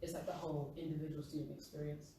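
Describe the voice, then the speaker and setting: A man's voice: fairly high pitch, little pitch movement, fast talker. A young man with a London accent speaking casually and discursively in a discussion. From East London, England. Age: young adult. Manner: rambling, discursive. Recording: very echoey room, distant mic, noisy.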